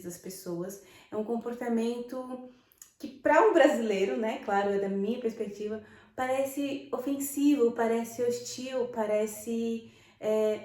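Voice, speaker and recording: A Brazilian woman with a Brazilian Portuguese accent, telling stories to camera in an animated, emphatic way and thinking aloud as she goes. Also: on the high side. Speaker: vlogger. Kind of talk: casual storytelling to camera. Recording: roomy echo.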